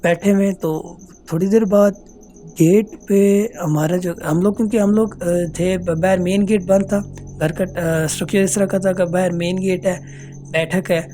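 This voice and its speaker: A man telling a true ghost story as a casual voice note, earnest and hesitant, pausing often. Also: high voice, mellow. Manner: earnest, unhurried, hesitant with many pauses. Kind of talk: casual spoken recounting of a true horror experience. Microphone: phone voice note.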